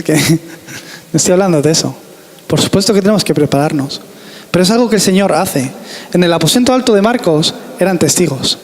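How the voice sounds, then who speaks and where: A man with a Spanish accent from Spain delivers a sermon in a high, earnest voice, driving his points home by repeating them. His words carry a long reverb, as if heard in a church hall. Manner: earnest, emphatic preaching with repeated phrases. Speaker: preacher.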